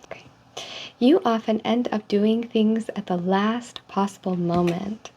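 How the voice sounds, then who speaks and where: Casting: woman, soft and dark-toned, ASMR customer service role-play, measured survey reading, faint background noise. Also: medium pitch. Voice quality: soft, hushed. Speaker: ASMR role-player as call center agent giving a personality survey. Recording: dull lo-fi sound with faint noise.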